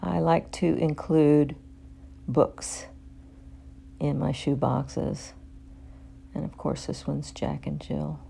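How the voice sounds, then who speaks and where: Woman, unhurried, gravelly, dark-toned, chatty store walkthrough with lots of ums. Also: sits low, a little hiss or hum. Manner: chatty, relaxed, frequent ums and uhs. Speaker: shopping vlogger. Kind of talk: casual shop-with-me narration. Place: store aisle, handheld phone camera.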